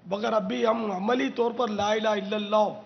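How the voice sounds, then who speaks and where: A high, gravelly-voiced man from Pakistan hosts a religious TV talk, explaining words slowly and quizzing his listeners. The audio is dull and lo-fi. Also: fairly even intonation. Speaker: religious scholar host.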